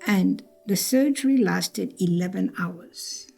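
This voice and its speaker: Born in Trinidad, this older woman reflects on her life story in a personal interview, speaking slowly in a medium-pitched voice that is mellow, husky and full of vocal fry. She repeats phrases and acts out quoted speech, and faint music plays behind her.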